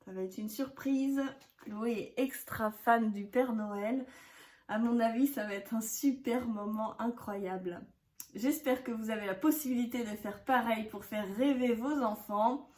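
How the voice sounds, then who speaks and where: Woman in her 30s, unhurried, hesitant scrapbooking vlogger; echoey room. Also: fairly high pitch. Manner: chatty, with many hesitations and soft laughs. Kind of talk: casual haul chat to camera.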